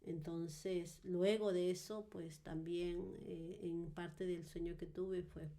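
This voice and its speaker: Gravelly low-voiced woman giving a testimony. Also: little pitch movement, takes it slowly, dark tone. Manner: hesitant, with frequent fillers and tag questions; earnest and reflective storytelling. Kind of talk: personal testimony in a podcast interview.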